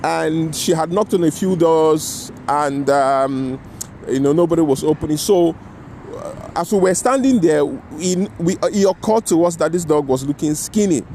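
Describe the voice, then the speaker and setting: A man's voice: fairly high pitch, moderate pace, a little mellow, slight background noise. A man telling a personal story in a loose, rambling way, often checking in with "you know" and "right?". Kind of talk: casual storytelling monologue.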